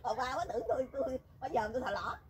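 A woman's voice: sits high, animated, rapid-fire. A woman telling a story in casual chat, teasing and talkative. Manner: chatty, teasing, rural colloquial speech.

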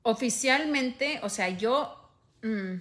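A woman's voice: fairly high pitch, lively intonation, takes it slowly, fairly bright tone. A woman in her thirties chatting casually on a livestream from a couch at home, switching between Spanish and English, filmed on a phone held at arm's length. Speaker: livestream host. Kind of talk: casual bilingual chat.

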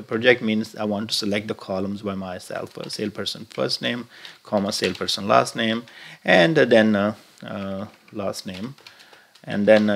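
Gravelly low man walking through software. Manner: halting, many "uh" fillers, thinking aloud while clicking. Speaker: software tutorial presenter. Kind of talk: screen-recorded software walkthrough.

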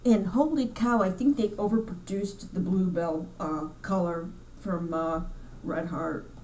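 A congested woman hosts her crochet channel in a chatty, rambling style, often stopping to correct herself. Her voice sits on the low side. She sounds set back from the mic, with a faint hiss underneath. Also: measured pace, darkish tone, distant mic, low-quality recording. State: congested from sinus trouble. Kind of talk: casual chat over store footage.

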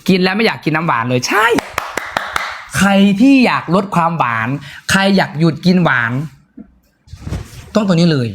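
Excitable Isan-accented man hawking products. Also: normal speed, pauses often, slight background noise. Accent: Isan (northeastern Thai). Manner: loud, excitable hawking, sudden high squeals. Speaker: live-stream seller. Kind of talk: live-stream sales pitch.

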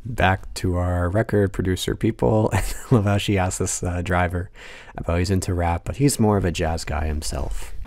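A man's voice: low-pitched, steady tone, normal speed, a little mellow, slight background noise. A man narrating a casual film commentary, amused and chuckling as he talks. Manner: amused, chuckles through lines. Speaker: video essay host.

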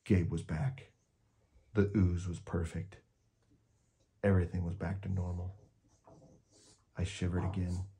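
A man with a low voice reads a picture book aloud. His tone is dark and relaxed, and his delivery is expressive, made for children. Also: unhurried, pauses often, a little hiss or hum. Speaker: storyteller, host.

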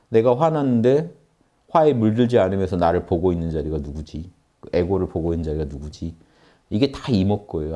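A man's voice: fairly low pitch, darkish tone. A man teaching meditation in an earnest lecture, repeating key phrases and lifting his voice on the questions he poses. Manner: earnest, repetitive, rising emphasis on key words. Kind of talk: spiritual lecture.

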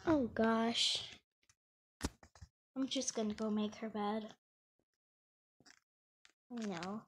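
A woman's voice: fairly high pitch, steady tone, drawn-out words, slight background noise. A young female gamer chatting casually while she plays a roleplay game, talking through each thing she does. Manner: chatty, narrates her own actions. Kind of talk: casual gameplay commentary.

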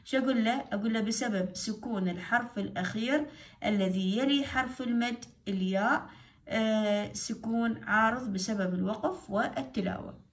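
Lady teacher going over exercises, kinda high voice, repeats stuff a lot. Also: moderate pace. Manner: explains step by step, repeats answers. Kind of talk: lesson on Quran recitation rules.

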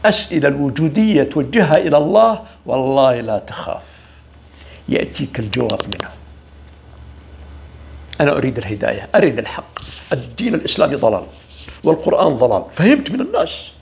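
Man, very gravelly voice, lively swooping pitch, preachy, faint background noise. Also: quick pace, pauses often. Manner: animated, preachy, acts out quoted voices. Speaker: religious speaker. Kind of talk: informal religious talk.

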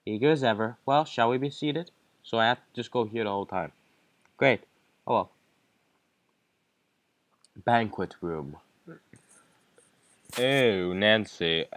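A man's voice: lowish voice, slow, pauses often, fairly bright tone, dry recording. A man giving playful, rambling game commentary with mumbled asides. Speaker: let's play gamer.

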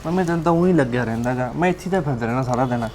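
A man's voice: medium pitch, racing, darkish tone, a little hiss or hum, lightly acted. A young man with an Indian Punjabi accent plays a husband comforting his wife in a village family drama. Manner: reassuring, soothing. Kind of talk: village web drama acting. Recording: background music under dialogue.

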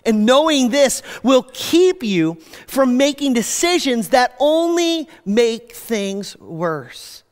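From an indoor church stage with screens, a pastor gives a sermon at an unhurried, deliberate pace while long reverb carries his words through the hall. He is animated and gestures freely, his voice sinking low at the close of every phrase.

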